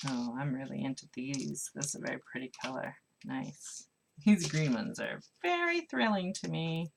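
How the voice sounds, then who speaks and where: A woman with a low, deep voice walks through a live card-making class. She chats casually and mumbles to herself while she works, over a faint hiss. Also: expressive, normal speed, vocal fry. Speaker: craft instructor. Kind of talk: live craft class demo.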